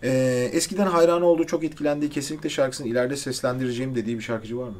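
A man's voice: mid-range voice, fairly even intonation, very fast, darkish tone. A man hosting an interview, reading out questions in a playful, joking way. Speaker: interviewer, host. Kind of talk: casual interview. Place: studio.

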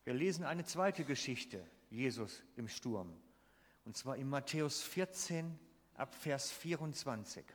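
Preacher in a reverberant church hall. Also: male voice, medium pitch, expressive, a little slow. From Switzerland. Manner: emphatic, asks the congregation questions. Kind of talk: sermon.

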